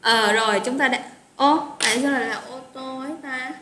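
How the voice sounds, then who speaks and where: A woman's voice: high voice, steady tone, a little fast, crowd noise. A woman with a Southern Vietnamese accent teaching a live online English vocabulary class, chatty and encouraging as she calls out students' names. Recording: roomy echo with faint noise.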